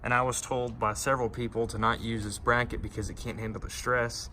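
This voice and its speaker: Speaking a little fast with a flat, sharp-toned mid-range voice, a man explains an installation hands-on and step by step, without a script. He's a DIY how-to presenter filming by hand inside a noisy pickup truck cab.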